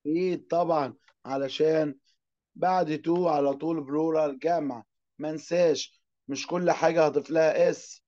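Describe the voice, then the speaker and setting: A man with an Egyptian Arabic accent teaching an online class. He asks and answers his own questions and draws out English words slowly. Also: on the high side, steady tone, dark tone, lo-fi sound.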